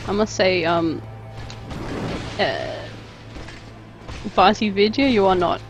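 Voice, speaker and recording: This game streamer has a general Australian accent and a high, sing-song, gravelly voice that moves slowly. He plays live while reading chat aloud, tossing in wry, dry remarks. Game music runs in the background.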